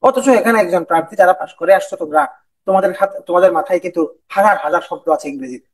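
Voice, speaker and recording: Bangladeshi bengali guy coaching for a job interview exam, talks fast, drops english bits in. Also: sits high, slight background noise, rough recording. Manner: repeats phrases, mixes English into Bengali. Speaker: BCS viva coach. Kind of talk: online lecture.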